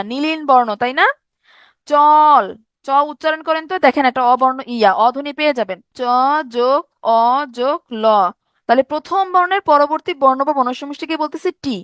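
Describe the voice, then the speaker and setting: High-voiced woman teaching grammar online, quizzing and teasing, dry close sound. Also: no room sound. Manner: lively, quizzing students, teasing.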